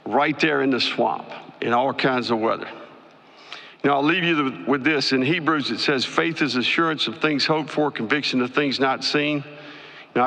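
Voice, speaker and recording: A man giving a press conference opening statement as a head football coach, speaking in a measured, emphatic way. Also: medium pitch, fairly bright tone. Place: large media hall. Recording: long hall reverb.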